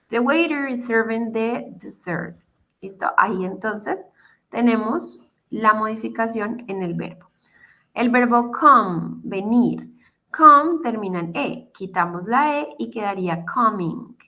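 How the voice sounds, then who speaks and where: A woman's voice: on the high side, expressive, takes it slowly, pushed and bright. A woman teaching English grammar in an online class, explaining patiently, repeating each step and checking in with her students. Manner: patient, repeats steps, asks "¿listo?" to check.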